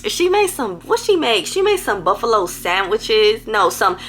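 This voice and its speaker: A woman's voice: fairly high pitch, very animated, measured pace, fairly bright tone, faint music behind. A teenage girl, giving school advice in a rambling, playful, chatty vlog. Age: teens. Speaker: vlogger.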